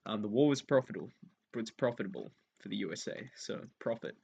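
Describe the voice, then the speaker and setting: Low-voiced man repeating revision notes aloud. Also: animated, a little fast, gravelly, a little mellow, slight background noise. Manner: thinks aloud with many ums, repeats key points as he writes them down. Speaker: history revision tutor. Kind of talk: unscripted revision lesson while writing notes.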